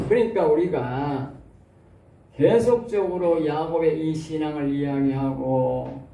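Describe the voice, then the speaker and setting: A man's voice: mid-range voice, creaky, warm tone. A man with a Gyeongsang accent preaching an expository sermon to theology students. He keeps checking in with "eh?" and asks rhetorical questions. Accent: Gyeongsang Korean. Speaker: pastor teaching theology students. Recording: echoey room, mic at a distance.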